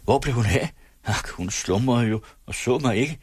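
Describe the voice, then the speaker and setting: A man's voice: mid-range voice, expressive, a little mellow, husky, no echo, pitched above the performer's own voice. A man voicing a young, half-drunk, lovestruck suitor in an audiobook, speaking in rapturous, theatrical declarations. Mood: dazed. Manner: rapturous, theatrical, jealous outbursts.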